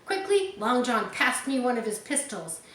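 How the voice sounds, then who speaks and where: A woman with a slightly high, fairly bright voice and wide pitch swings reads a story aloud to listeners. She often pauses to explain words and details, checking that everyone understands, so the storytelling comes with teaching asides. The room is echoey, with faint background noise.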